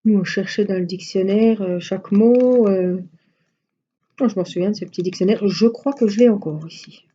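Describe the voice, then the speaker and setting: A woman's voice: medium pitch, normal speed, warm tone, muffled recording. A middle-aged woman chatting casually on a live stream, rambling through everyday anecdotes. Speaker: craft live-stream host.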